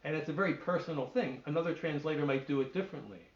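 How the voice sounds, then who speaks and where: A middle-aged man, a literary translator and poet, answers questions at an online reading over a video call. His voice is on the high side and very fast, and he's thoughtful, often restarting as he hunts for words. The call audio is echoey, dull and lo-fi.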